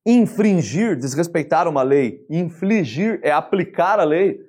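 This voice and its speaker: A Brazilian man teaching a grammar lesson in a lively, chatty way, often asking the class questions. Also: on the high side, measured pace, husky. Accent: Brazilian Portuguese.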